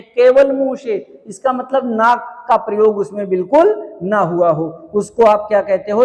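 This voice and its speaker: A male teacher giving an exam-prep grammar lecture, asking questions and answering them himself and repeating key points slowly. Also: high-pitched, a little mellow, big-room sound. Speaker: Hindi teacher.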